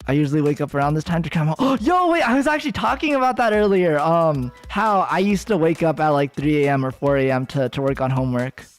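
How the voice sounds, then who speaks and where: A man's voice: fairly high pitch, expressive, quick pace, few pauses, faint music behind. A young man with an American accent chatting with viewers on a livestream, rambling and giggly, full of fillers and restarts. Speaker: VTuber streamer. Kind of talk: casual livestream chat with viewers.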